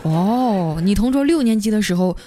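A woman with a Northeastern Chinese accent hosts a podcast, reading listener messages and answering them with teasing jokes. She laughs often as she talks, and her voice sits at a middle pitch for a woman. Music plays clearly underneath her. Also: expressive, normal speed. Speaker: podcast host. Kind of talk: reading and joking about listener comments. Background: background music.

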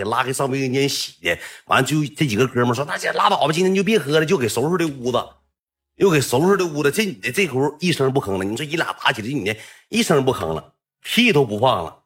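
Fast, animated Northeastern Mandarin man. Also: medium pitch. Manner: animated, rambling, swears freely. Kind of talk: casual storytelling.

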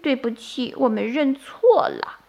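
A woman voicing a group of small, curious baby turtles in a children's bedtime story, with a high, childlike and polite manner. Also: very animated, measured pace, darkish tone, heavily acted. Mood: polite asking.

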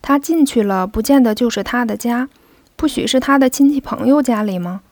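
Woman voicing a carefree young rich man, teasing, storybook, higher voice. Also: fairly quick, darkish tone, no room sound, lightly acted. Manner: playful, teasing.

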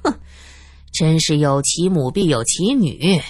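A woman voicing a sharp-tongued old great-aunt who speaks coldly, sneering and hinting at more than she says, in a dry audiobook recording. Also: fairly low pitch, sing-song, measured pace, slightly rough, no room sound, faint music behind, exaggerated voice. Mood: scornful. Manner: cold, sneering, insinuating.

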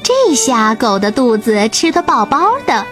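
High-voiced woman telling a bedtime story. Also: expressive, measured pace. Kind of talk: children's bedtime story narration. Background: soft music.

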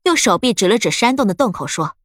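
A woman narrating an audiobook story in a steady, expressive storytelling manner. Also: on the high side, fast, no echo, clean studio sound.

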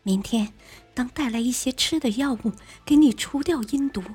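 A woman voicing a devoted young fox-spirit woman who scolds in a high, insistent voice. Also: moderate pace, a little mellow, husky, soft background music. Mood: earnest.

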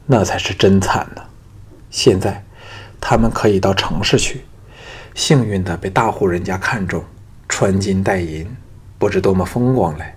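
A man's voice: fairly low pitch, darkish tone, slightly rough. A man doing a leering crude camp fellow. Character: leering male camp merchant, crude and boastful.

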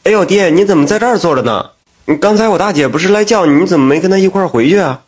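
A man voicing a quick-talking, scornful second daughter. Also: high-pitched, lively intonation, breathy edge. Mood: chatty. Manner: fast, scornful.

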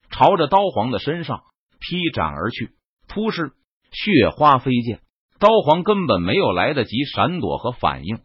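A man narrating a web novel audiobook in an expressive, dramatic storytelling manner. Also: mid-range voice, husky, no echo. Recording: dull lo-fi dry recording.

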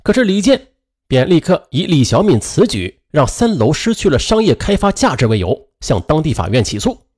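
A man's voice: on the high side, very animated, moderate pace, darkish tone, breathy edge. A man narrating a family true-crime story in a dramatic storytelling manner, drawing out his filler particles.

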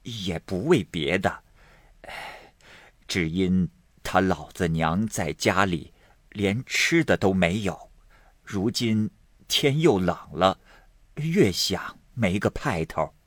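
A man voicing a poor, humble old country grandmother who speaks haltingly in a storybook reading. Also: deep voice, lively intonation, no room sound, heavily acted. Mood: pleading. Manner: halting, hesitant speech.

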